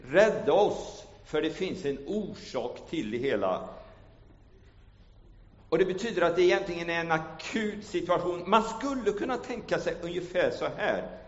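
A man's voice: on the high side, animated. Dramatic male pastor preaching in an echoey hall. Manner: dramatic, swings from hushed storytelling to loud calls. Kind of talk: sermon. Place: church hall. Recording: echoey church hall, dull lo-fi sound.

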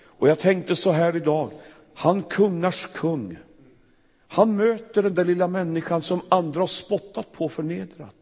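A man preaching a fervent, emotional sermon in a church, swinging between loud and soft. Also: high-pitched, breathy edge, big-room sound.

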